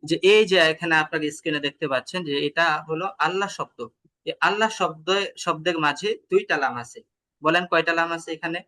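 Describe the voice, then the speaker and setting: Male Quran teacher, Bangladeshi Bengali accent, bright, slightly high voice; patient explanations, slow chanted examples, over a video call. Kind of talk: online tajweed lesson.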